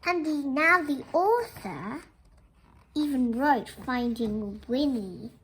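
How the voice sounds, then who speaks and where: In a rough recording with slight background noise, a high-voiced child slowly reads a picture book aloud, full of expression. Along the way come chatty asides and sing-song greetings, repeated for the young audience.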